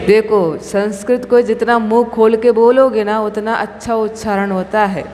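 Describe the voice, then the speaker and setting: A woman's voice: medium pitch, fairly even intonation, measured pace, crowd noise. A woman who is a Jain nun, leading a scripture recitation class and patiently correcting pronunciation syllable by syllable. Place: temple hall. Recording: long hall reverb, faint room noise.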